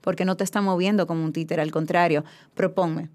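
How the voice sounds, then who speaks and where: A woman's voice: on the low side, fairly even intonation, fast, darkish tone. A woman, an actress chatting enthusiastically as a guest in a radio interview. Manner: effusive, enthusiastic.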